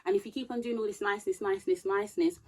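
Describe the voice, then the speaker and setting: Rapid-fire and steady, with a medium pitch and a slightly mellow quality, a woman in her thirties preaches sincere advice into her camera. She refers to notes from time to time and presses her points harder as she goes on.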